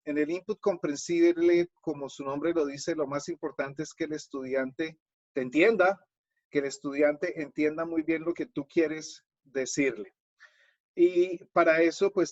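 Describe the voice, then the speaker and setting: A man's voice: fairly high pitch, a little slow, darkish tone. A man hosting a live online webinar as a Spanish teacher. He explains patiently and speaks directly to his viewers over a video call. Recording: dull lo-fi video-call audio.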